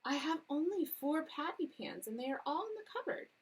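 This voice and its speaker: A woman's voice: high-pitched, sing-song, moderate pace, pitched above the performer's own voice, low-quality recording. A woman voicing a proper lady cat hostess in a storybook reading, formal and severe. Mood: prim.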